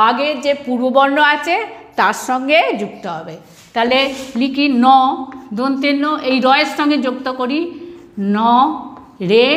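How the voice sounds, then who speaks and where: A woman's voice: sits high, a bit bright, roomy sound. A woman teacher with a Bangladeshi Bengali accent gives an online grammar lesson, asking questions and answering them herself as she repeats each rule. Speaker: primary school teacher.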